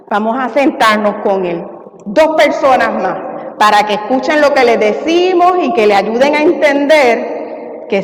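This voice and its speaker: Puerto rican lady pastor preaching in a church, high voice, big echoey hall w long reverb. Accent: Puerto Rican Spanish. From Puerto Rico. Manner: preaching with lively storytelling, acting out dialogue. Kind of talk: sermon. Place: church sanctuary.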